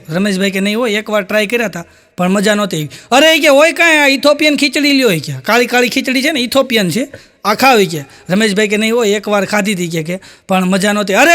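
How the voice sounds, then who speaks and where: A man telling stand-up jokes, acting out the characters' lines in a higher voice. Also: a bit bright. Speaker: stand-up comedian.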